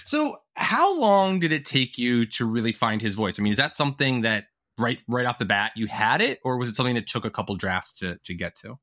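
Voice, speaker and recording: A man's voice: medium pitch, sing-song, brisk, few pauses, bright, forceful tone. A man hosting a podcast, asking his guest questions in a friendly way and laughing easily. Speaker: podcast host. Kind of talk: interviewing a guest.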